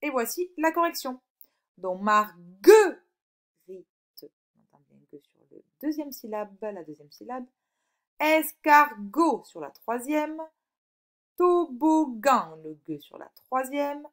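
A woman teacher giving a recorded phonics lesson to a young child, slowly stretching out example words and checking in with "d'accord?". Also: sits high, very animated. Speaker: primary school teacher.

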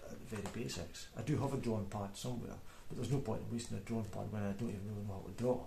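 A low-voiced man with a broad Scottish accent talks casually and a bit haltingly, as in a homemade vlog. His voice has a clear creak to it. The room is audibly echoey around him. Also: steady tone, warm tone. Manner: rambling, hesitant, self-deprecating. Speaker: beginner painter making video diary. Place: indoor room at a table. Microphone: microphone, off camera. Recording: roomy echo, background noise, clicks.

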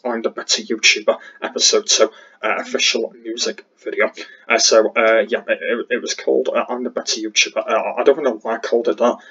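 A man hosts a casual video in a croaky, slightly low voice with little melody. He speaks hesitantly and repeats himself, and the recording is somewhat dull. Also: pushed and bright. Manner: hesitant, repetitive. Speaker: YouTuber host. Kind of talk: casual reaction commentary.

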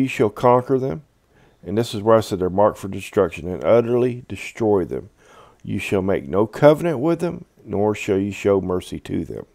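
A man with a low-pitched voice gives a Bible lesson, reading passages and explaining them in a loose, conversational way full of restarts. The recording is dry and close, with no room sound. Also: a little mellow, no room sound. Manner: conversational, halting, many fillers and restarts while explaining. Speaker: Bible teacher. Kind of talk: Bible teaching with scripture reading.

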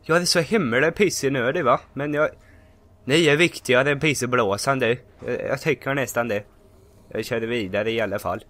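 A man giving casual, excitable gameplay commentary who yelps and shouts when he panics. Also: mid-range voice, dry recording. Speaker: let's play host.

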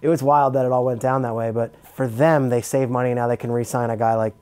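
A man with a New Jersey accent, a sports reporter talking football as a podcast guest in a chatty, quick insider way full of fillers. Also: mid-range voice, fairly even intonation, a little mellow. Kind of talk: casual podcast chat.

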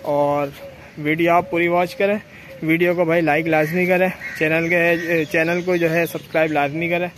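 A man's voice: fairly high pitch, flat delivery, normal speed, a bit bright, slight background noise. A young man vlogging outdoors in a chatty way, speaking directly to his viewers through a lapel mic. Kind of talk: casual travel vlog. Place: outdoors under trees, then riding a motorbike on dusty rural roads. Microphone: clip-on lapel mic.

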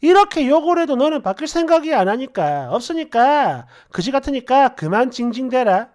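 A woman's voice: sits high, sing-song, moderate pace, a little mellow. A woman voicing a blunt, scornful young woman friend who mocks and insults harshly.

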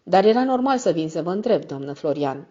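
A woman reading the part of a calm, wry male private detective who speaks in a level, polite, coaxing way. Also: lowish voice. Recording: slightly muffled recording.

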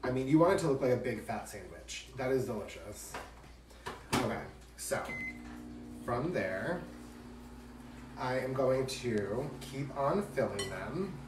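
Here a cooking show host speaks at medium pitch, very animated yet measured, leaving long pauses as he chats and jokes campily through a casual live demonstration. He's indoors in a home kitchen, picked up by a camera a few steps off, and the audio comes out distant, echoey and noisy with clattering dishes.

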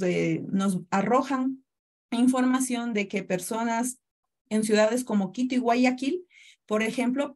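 A woman's voice: a little high, a little mellow. Ecuadorian woman in her thirties, courteous webinar presenter on a video call mic. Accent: Ecuadorian Spanish. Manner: courteous, greets attendees by name, explanatory. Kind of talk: online presentation.

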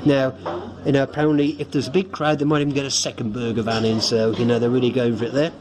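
A man's voice: medium pitch, level tone, fast, a crowd in the background. A man co-hosting a football podcast, chatting casually with dry humour and plenty of fillers. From England. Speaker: podcast co-host. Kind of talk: casual chat about away-ground travel.

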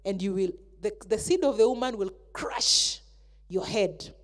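A woman's voice: medium pitch, unhurried, big-room sound, close to an everyday voice. A woman voicing God as a stern, commanding judge who hands down orders.

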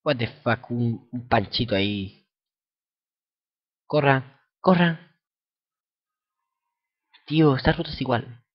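Excitable young Spaniard swearing at a game. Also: male voice, medium pitch, slow pace, long pauses. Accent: Spain Spanish. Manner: excitable, swears a lot, bursts into shouting. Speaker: gameplay commentator. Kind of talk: casual let's-play commentary. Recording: lo-fi dull home recording.

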